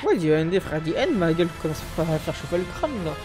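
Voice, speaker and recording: A man giving casual, excitable reaction commentary full of street slang. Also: fairly high pitch, very fast, music in the background. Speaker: reaction video host.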